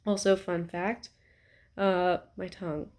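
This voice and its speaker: A woman's voice: lowish voice, little pitch movement, slow pace, darkish tone. A young woman talking casually to camera from her couch at home, chatty and rambling with lots of ums and likes, a bit stuffy-nosed. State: stuffy nose. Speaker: vlogger.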